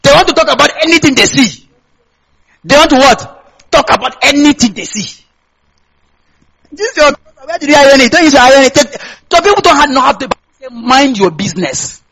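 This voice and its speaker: A man's voice: extremely high pitch, brisk, vocal fry, pauses often, a bit bright, low-quality recording. A man from northern Nigeria with a Hausa accent preaches a sermon conversationally, repeating phrases and putting questions to his listeners. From Kaduna State, Nigeria. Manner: conversational, repeats phrases, asks listeners to complete or confirm lines. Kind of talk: sermon to a congregation.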